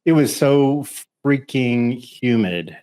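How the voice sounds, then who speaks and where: Man, co-host, relaxed, rambling, casual chat. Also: medium pitch, takes it slowly. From Texas.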